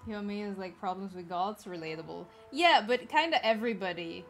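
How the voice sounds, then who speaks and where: Greeting viewers and chatting casually as she plays on a live stream, a Flemish-accented woman from Belgium, a native Dutch speaker, talks fairly quickly in a mid-range voice. Faint music plays behind her.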